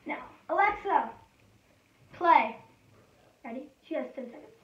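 A woman's voice: high-pitched, lively intonation, unhurried, slight background noise. A young woman hosting a casual home game vlog, playful and teasing as she keeps score. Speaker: vlog host. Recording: roomy, distant, dull home audio.

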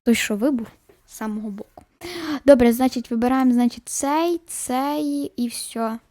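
A woman's voice: fairly high pitch, steady tone, moderate pace, warm tone, no echo, studio quality. A woman chatting to her viewers while she plays a baking game, sometimes dropping into a whisper. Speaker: gaming video host. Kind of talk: casual gameplay commentary.

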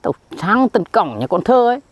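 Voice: medium pitch, sing-song, moderate pace, no echo. A performer playing a boastful, dim-witted old village man, who answers back in a blustering, defensive way.

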